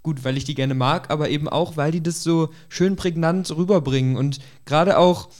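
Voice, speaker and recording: Male podcast host, higher register, informal conversational delivery, cautious and hedging. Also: normal speed, darkish tone.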